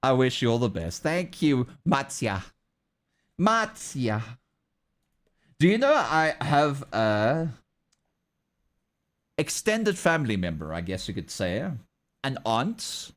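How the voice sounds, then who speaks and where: This South African streamer and artist talks slowly in a mid-range, sing-song voice with long pauses. His accent blends South African English with Australian and American, and he rambles, chuckles a lot and responds to his viewers' chat.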